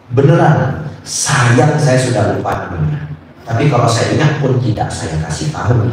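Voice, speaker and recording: A man's voice: mid-range voice, slight background noise. A middle-aged man preaching a Buddhist sermon, his voice rising and falling freely as he tells jokes and stories. He poses questions to his listeners. The sound carries heavy echo, as if recorded well away from him in a big hall. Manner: humorous storytelling, lively, rhetorical questions to the audience. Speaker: Buddhist monk giving a Dhamma talk. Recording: echoey hall, mic at a distance.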